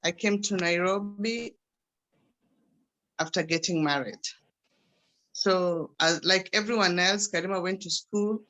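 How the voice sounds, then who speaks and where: Older Kenyan woman, grandmother, guest testimony on a video call, bright forward voice, chatty with restarts. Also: on the low side. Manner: conversational, with frequent restarts. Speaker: guest speaker.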